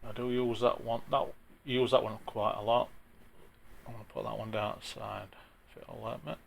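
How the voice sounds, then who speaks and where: A man with a broad Yorkshire accent talking through an informal software tutorial in a plain-spoken, chatty way, with a gravelly voice. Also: mid-range voice, level tone, moderate pace. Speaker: tutorial presenter.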